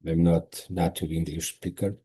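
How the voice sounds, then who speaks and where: Croatian-accented male author, non-native, reads own book slowly, low husky voice. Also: little pitch movement, warm tone. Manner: slow careful non-native reading with restarts. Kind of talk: reading his own novel aloud.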